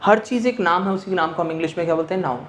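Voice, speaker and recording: A male English teacher races through an online lecture in a high, slightly bright voice, answering his own questions and dropping English phrases into the explanation. He's in a teaching room with a board, and the sound echoes off the room.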